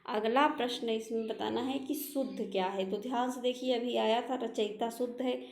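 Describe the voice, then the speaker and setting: A woman's voice: on the high side, steady tone, normal speed, vocal fry, echoey room. A woman teaching a Hindi spelling lesson for exam preparation, who goes through answers one by one, repeats the correct words and asks rhetorical questions.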